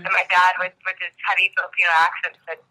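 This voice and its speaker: Woman caller on a talk show, very bright voice, chatty storyteller. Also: fairly low pitch, monotone, fast talker, breathy edge, low-quality recording. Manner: chatty, storytelling with many "you know"s. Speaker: guest caller, former pro dancer. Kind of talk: casual phone-in interview.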